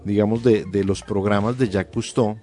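A male radio host in casual on-air chat, talking in quick restarts and animated asides. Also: lowish voice, soft background music.

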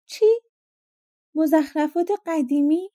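A woman's voice: sits high, steady tone, dark tone, voice pushed up, lightly acted. A woman voicing a vengeful, ancient male genie in a storybook reading, speaking in a bitter, menacing way. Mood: outraged.

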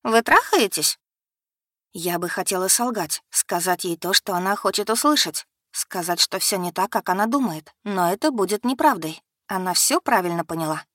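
A woman's voice: lowish voice, normal speed, hardly any pauses, a bit bright, no echo. Woman reading an audiobook, dry close sound. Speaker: audiobook narrator. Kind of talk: scripted first-person narration.

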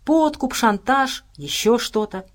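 A woman's voice: on the high side, lively intonation, slow, voice pushed up. A woman voicing a brusque male team leader who speaks in a commanding way in an audiobook.

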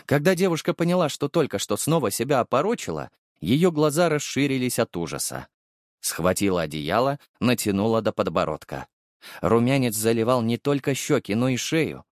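A man narrating a first-person audiobook with expressive, wry storytelling. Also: mid-range voice, moderate pace, dry recording, studio quality.

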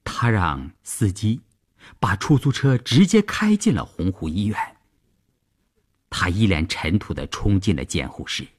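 A man narrating a radio serial in a measured, expressive storytelling manner. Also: sits low, slightly rough.

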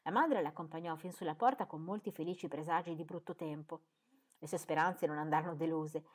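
A woman reading a classic novel aloud as an audiobook narrator, with expressive, lilting storytelling. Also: low voice, brisk. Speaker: reader.

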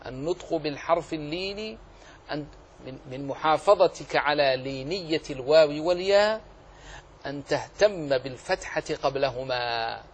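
A middle-aged man teaching Quran recitation rules, drawing out words slowly to demonstrate the sounds. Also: on the high side, slightly rough. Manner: slow drawn-out demonstrations of vowel sounds. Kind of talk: tajweed lesson with recited examples.

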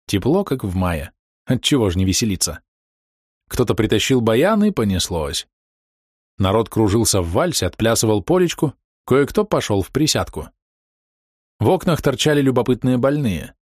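A man reads a first-person audiobook in a low voice that rises and falls with plenty of movement. The recording is dry and close, with no room sound at all. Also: no echo. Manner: expressive, lively storytelling. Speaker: audiobook narrator.

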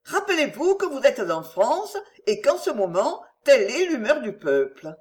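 An anxious young noblewoman pleads in a raised, urgent voice, as a reader puts her on. Her pitch climbs well above the narration and swings widely. It is a storybook reading. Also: big pitch swings, normal speed. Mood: pleading.

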